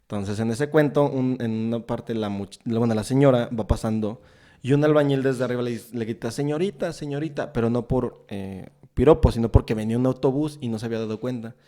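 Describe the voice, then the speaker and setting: Presentador mexicano de voz oscura. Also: male voice, medium pitch, brisk, warm tone. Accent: Mexican Spanish. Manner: chatty, retells scenes at length with filler words. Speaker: podcast host interviewing a guest. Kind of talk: casual podcast conversation.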